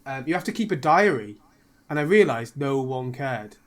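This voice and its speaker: A man's voice: medium pitch, expressive, moderate pace. A man, co-hosting a gaming podcast in a rambling, self-deprecating casual chat. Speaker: podcast co-host.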